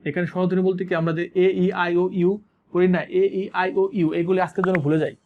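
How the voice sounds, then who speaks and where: Male grammar tutor, high voice, self-answering questions, dull recording. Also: level tone. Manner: repeats sounds and words slowly, asks and answers his own questions. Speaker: English grammar teacher. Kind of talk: classroom lesson.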